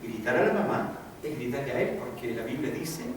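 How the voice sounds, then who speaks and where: A man's voice: mid-range voice, lively intonation, fairly quick. A male pastor preaching a sermon in a dramatic style, acting out the voices he quotes. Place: church sanctuary. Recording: echoey church hall, distant mic, audible noise.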